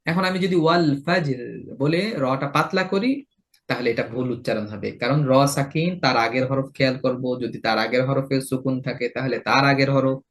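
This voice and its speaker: A man with a Bangladeshi Bengali accent teaching a tajweed lesson. He explains pronunciation rules step by step and chants the example words slowly. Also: medium pitch, fairly bright tone. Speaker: Quran recitation teacher.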